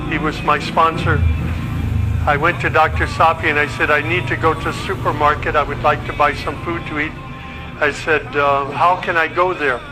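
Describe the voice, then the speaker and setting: A middle-aged man from the United States telling his conversion story in an earnest, reflective way, pausing with fillers. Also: on the high side, rough recording. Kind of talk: personal testimony. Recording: music bed underneath.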